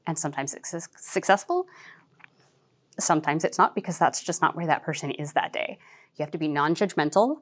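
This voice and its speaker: Calm, practical woman librarian. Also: fairly low pitch. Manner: calm, practical, explaining step by step. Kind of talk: interview answers.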